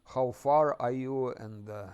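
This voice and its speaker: Slow-talking male streamer chatting casually. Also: mid-range voice, darkish tone, smooth, muffled recording. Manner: unhurried, thinking aloud, chuckles often. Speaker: game streamer. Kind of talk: casual live-stream chat while playing.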